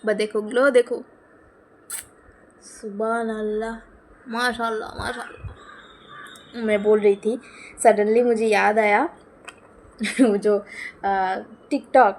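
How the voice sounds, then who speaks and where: A woman's voice: mid-range voice, little pitch movement, slow pace, pauses often, a little hiss or hum. A young woman vlogging casually at home, rambling and giggling between thoughts, filling gaps with "uh" and "um", recorded on a phone camera. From West Bengal, India. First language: Bengali. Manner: chatty, giggly, rambling with many fillers. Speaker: lifestyle vlogger. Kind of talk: casual vlog chat.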